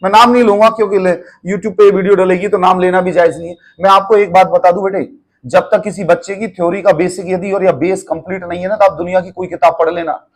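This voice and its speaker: A man's voice: sits high, steady tone, quick pace. A man, teaching nursing exam students in a direct, coaxing way and calling them his children. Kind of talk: lecture.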